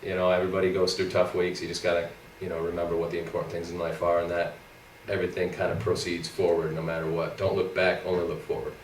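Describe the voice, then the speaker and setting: Stuffy-nosed young man, very low voice. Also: little pitch movement, fast talker, hardly any pauses. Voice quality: nasal. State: congested, scratchy throat from a cold. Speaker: co-host, physical therapy student. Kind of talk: casual study recap. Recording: roomy, far from the mic, faint noise.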